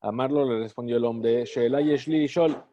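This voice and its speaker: Man teaching a text, slow and mellow. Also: medium pitch. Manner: reads Hebrew phrases slowly, then translates. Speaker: Talmud teacher. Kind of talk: reading and translating a text aloud. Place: study hall. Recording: dull lo-fi recording.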